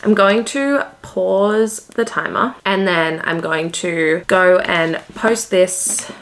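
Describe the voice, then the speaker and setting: Chatty Australian woman, lowish voice. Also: takes it slowly, a bit bright, a little hiss or hum. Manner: rambling, heavy use of "like". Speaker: book vlogger and host. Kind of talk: casual, chatty vlog talk.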